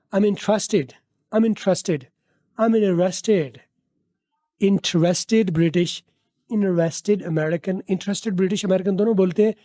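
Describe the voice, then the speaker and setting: A man teaches spoken English. He says each English phrase slowly and repeats it, then explains it at a quicker pace. His voice sits high but sounds mellow.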